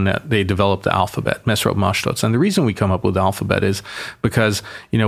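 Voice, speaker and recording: A man's voice: lowish voice, gravelly. A man, a mayor who grew up in Boston and Yerevan, talking passionately and at length as an interview guest. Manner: passionate, talkative, explains at length. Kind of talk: casual interview conversation.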